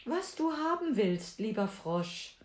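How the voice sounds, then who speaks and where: Woman reading a spoiled storybook princess, high and girlish, eager, pleading, lively pitch, roomy echo. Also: slow, a little hiss or hum. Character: spoiled young princess, youngest daughter. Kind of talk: fairy tale reading.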